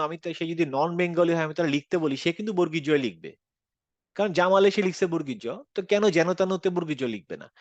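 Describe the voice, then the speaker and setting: Man with a Bangladeshi Bengali accent, patient online Quran teacher, slightly high voice, dry sound. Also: no echo, highs cut off. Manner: explains patiently, mixes English phrases into Bengali. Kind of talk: online class lecture.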